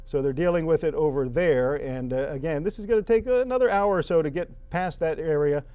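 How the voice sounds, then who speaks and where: Speaking a little fast, this American man has a fairly high, mellow voice with a clear, resonant tone. As a TV weather forecaster, he's improvising live storm coverage, explaining things in an unscripted way.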